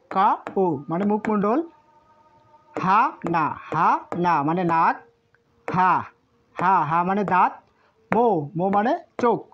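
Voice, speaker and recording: A woman teaching a language lesson, sounding out each word syllable by syllable and repeating it several times. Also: medium pitch. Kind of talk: slow spoken lesson with repeated drilling. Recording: dull lo-fi audio.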